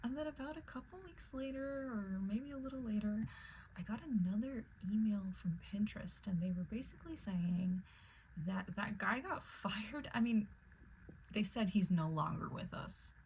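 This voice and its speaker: A woman talks in a relaxed, chatty vlog style, her voice soft and often dropping toward a whisper. Her tone sits in a middle range with a noticeable gravelly fry. A faint layer of background noise runs under the recording. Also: medium pitch, normal speed, poor audio. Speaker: vlogger. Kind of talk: casual chat.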